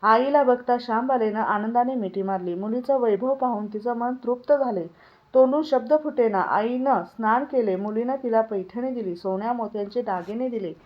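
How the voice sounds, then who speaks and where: A woman's voice: on the high side, moderate pace, muffled recording. A woman telling a devotional vow story aloud, giving the characters' quoted lines extra force.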